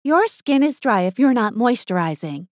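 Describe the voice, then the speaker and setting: A woman voicing a fussy woman who lectures quickly about skincare. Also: on the high side, sing-song, dry recording, studio quality. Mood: lecturing. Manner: quick, preachy.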